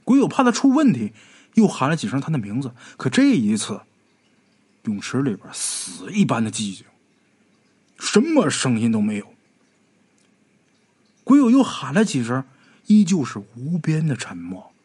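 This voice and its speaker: Husky, animated male ghost storyteller. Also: mid-range voice, moderate pace, long pauses.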